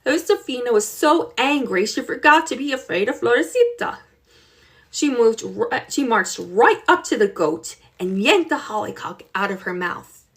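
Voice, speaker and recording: A woman reading a children's chapter book aloud with expressive, unhurried storytelling. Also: a little high. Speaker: reader.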